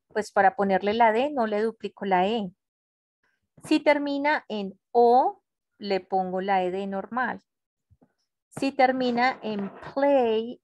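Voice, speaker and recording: A woman teaching an English grammar class online, explaining rules slowly and patiently and checking that students follow. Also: fairly high pitch, darkish tone. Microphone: computer mic on a video call.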